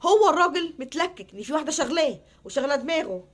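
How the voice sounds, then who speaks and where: Speaking in a high, expressive voice, a woman tells a personal story in a casual way, her Egyptian Arabic accent clear. She plays out what people said to each other, trading the quoted lines rapidly.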